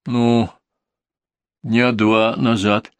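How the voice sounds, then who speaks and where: A man's voice: mid-range voice, little pitch movement, very slow, clear, resonant tone, dry recording. A man voicing a frightened young male addict in his twenties, talking hurriedly and pleading, in a storybook reading. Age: 20s.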